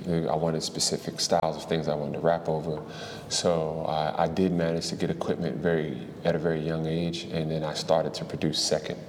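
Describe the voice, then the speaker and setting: Deep-voiced man in a reverberant room. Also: normal speed, few pauses. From Washington, D.C. area, USA. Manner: relaxed, thinking aloud with fillers. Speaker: guest hip-hop artist. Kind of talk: casual interview answers. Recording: long reverb, faint noise.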